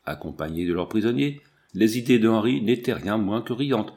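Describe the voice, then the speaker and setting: Man, audiobook narration, steady, measured, low voice. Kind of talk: audiobook reading.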